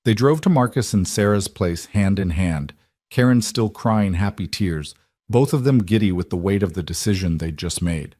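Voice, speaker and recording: A man narrating a romance story in a calm, measured scripted storytelling voice. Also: deep voice, dry recording, studio quality.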